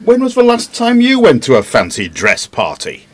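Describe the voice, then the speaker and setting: A man's voice: high voice, huge pitch swings, moderate pace, full character voice. An actor playing a polite, good-natured male doctor and detective's sidekick in a scripted audio drama.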